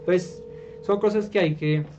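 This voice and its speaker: A man's voice: unhurried, a little mellow, soft background music. Colombian man leading a casual Bible study. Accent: Colombian Spanish. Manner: conversational, asks listeners "¿listo?" and "¿sí?" often; hesitant restarts while explaining. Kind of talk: informal group Bible study. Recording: dull low-fi room recording with faint hiss.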